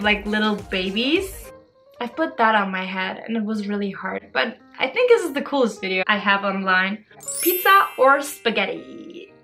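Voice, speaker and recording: A woman's voice: a little high, pushed and bright. A woman in her twenties answering fan questions in a casual, bubbly and giggly vlog chat. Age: 20s. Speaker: social media creator.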